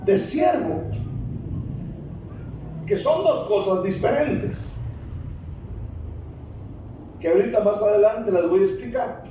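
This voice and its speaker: A man with a Guatemalan Spanish accent preaching a sermon, emphatic and deliberate, sometimes rising to a shout. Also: sits high, expressive, recorded from a distance, slight background noise. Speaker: pastor. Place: large church hall. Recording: echoey hall, preacher off-mic, faint ambience.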